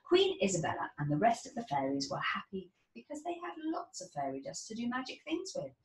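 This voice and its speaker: Her voice on the high side, a woman in her thirties reads a children's storybook in a deliberate, expressive storytelling style. A camera mic roughly a metre away captures her in a small children's playroom, so the audio is roomy and distant, with faint background noise.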